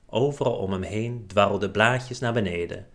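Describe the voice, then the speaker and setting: Man, low voice, children's storybook narration, gentle, expressive. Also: moderate pace.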